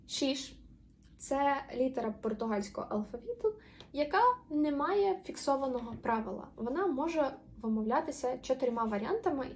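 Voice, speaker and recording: A woman teaching a language lesson, explaining patiently and drawing out example words slowly. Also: sits high, a little mellow, slight background noise.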